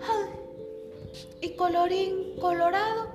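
A woman teacher telling a children's story in an expressive, dramatic way. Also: extremely high pitch, slow pace. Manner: expressive, dramatic read-aloud. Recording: echoey room with music behind. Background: background music.

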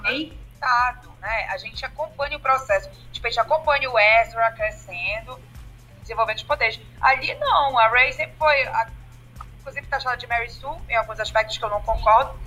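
A woman talking casually on a podcast, animated and critical as she picks apart a film, with frequent conversational fillers. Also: a little high, brisk, soft background music, poor audio. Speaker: podcast co-host.

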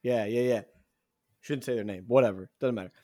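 A young man co-hosting a casual podcast, excitable and saying dude a lot. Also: medium pitch, a little fast, dry recording, clean studio sound. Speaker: podcast co-host. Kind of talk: casual chat.

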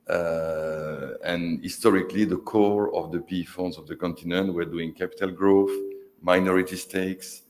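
A middle-aged man, a non-native English speaker, giving a halting, analytical panel talk as a fund manager in the manner of an investment banker, heavy with finance jargon. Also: low-pitched, a little mellow. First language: not English.

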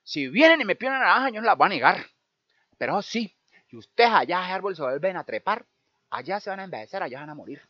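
A man's voice: on the high side, sing-song, fairly quick, pushed and bright, slightly rough, no echo, highs cut off, full character voice. A man with a Colombian accent voicing a poor, crafty old woman in a folk tale. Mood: stern.

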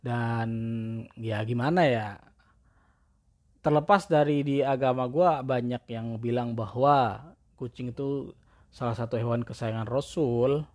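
A man's voice: mid-range voice, measured pace, long pauses, darkish tone. A young man with chatting casually in a self-deprecating monologue. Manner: chatty, slangy, self-deprecating, mimics cat-talk voices.

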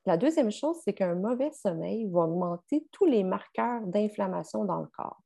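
A woman's voice: mid-range voice, moderate pace, vocal fry. A woman with a Québécois French accent, explaining sleep science as a guest in a podcast conversation, with frequent fillers. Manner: explanatory, steady, many fillers.

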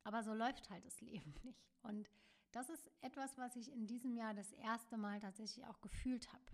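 Gentle woman hosting a reflective podcast. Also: fairly high pitch, moderate pace. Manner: gentle, searching, with many fillers and soft trailing phrases. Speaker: podcast host. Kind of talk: reflective solo podcast monologue.

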